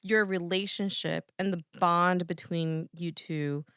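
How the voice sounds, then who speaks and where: Woman podcast co-host, East Coast American accent, sharp bright tone, dry close sound, chatty and easygoing. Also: on the low side, steady tone, slow pace, clear, resonant tone, no echo. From New Jersey. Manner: chatty, restarts often, laughs easily. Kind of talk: casual chat.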